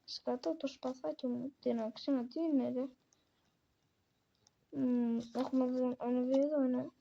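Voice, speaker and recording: A woman's voice: sits high, fairly even intonation, creaky, dark tone, dull audio. A woman giving casual gameplay commentary, talking to herself and the game and exclaiming often. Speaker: gamer.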